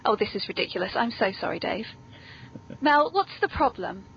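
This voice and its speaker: Expressive and gravelly, a British woman's mid-range voice proceeds at normal speed as she hosts a podcast. Her whimsical, scripted delivery and genteel chat are playfully theatrical and very polite. The audio is dull and lo-fi with background noise.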